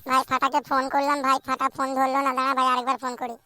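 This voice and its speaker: A woman's voice: sits high, monotone, pushed and bright. A woman voicing a whiny, crude young unmarried man in a cartoon, chattering and complaining. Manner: fast complaining chatter, full of swearing. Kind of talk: cartoon voice acting.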